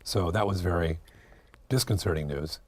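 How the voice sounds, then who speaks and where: Low-voiced hesitant man in his forties. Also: moderate pace, darkish tone. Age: 40s. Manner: hesitant, many fillers and restarts. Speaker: acupuncturist guest. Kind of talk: reflective interview talk.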